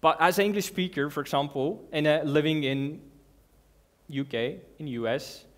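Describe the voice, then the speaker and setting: A conference speaker with a slightly high voice gives an earnest talk on stage in a large dark hall before a seated audience. He speaks haltingly, restarting sentences and using non-native grammar.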